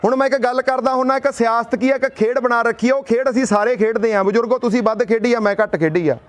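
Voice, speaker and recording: A man from Punjab, India, gives an impassioned speech at an outdoor protest sit-in, his voice very high for a man. He talks fast with fairly even intonation, hammering his points with rhetorical questions and folksy stories.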